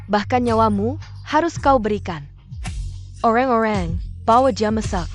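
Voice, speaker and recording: A woman's voice: fairly high pitch, a little slow, soft background music, close to an everyday voice. An actress voicing a cold, commanding middle-aged mother in a dubbed short drama, harsh and threatening. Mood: menacing. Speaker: Mrs. Fang.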